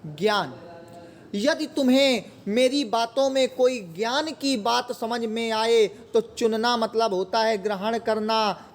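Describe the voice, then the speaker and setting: Man, Hindi teacher, unhurried delivery, explains poem word by word, quizzes then answers himself. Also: extremely high pitch, slight background noise. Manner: repeats words and asks questions then answers them himself.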